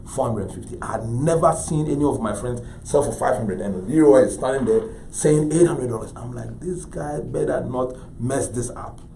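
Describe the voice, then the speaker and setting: A middle-aged man from Ghana with a Ghanaian English accent, an artist telling anecdotes in an interview with animated delivery. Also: medium pitch, a little hiss or hum. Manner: animated, acts out voices in his story. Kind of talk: anecdotal storytelling. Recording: roomy echo.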